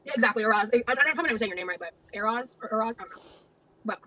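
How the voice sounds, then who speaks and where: A woman's voice: fairly high pitch, very fast, pushed and bright. A woman co-hosting a casual livestream, chatty and rambling, talking while she eats. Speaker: co-host.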